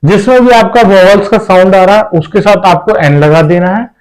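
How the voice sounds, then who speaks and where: A man's voice: high voice, normal speed, a little mellow, poor audio. A man teaching a grammar lesson, explaining step by step and often repeating himself to check that listeners follow. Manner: repetitive, explains each point step by step. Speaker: English teacher. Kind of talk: classroom-style grammar lesson.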